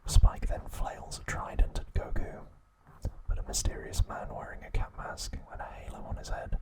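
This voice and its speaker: A man recaps an episode in ASMR fashion, speaking in a breathy, unvoiced whisper and pausing deliberately between brief phrases.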